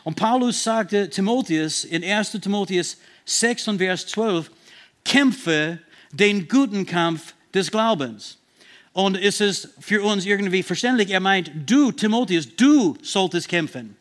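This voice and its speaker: A man preaching a sermon, stressing Bible verses slowly and emphatically, sometimes restarting as he searches for words. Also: high-pitched, lively intonation, fairly bright tone.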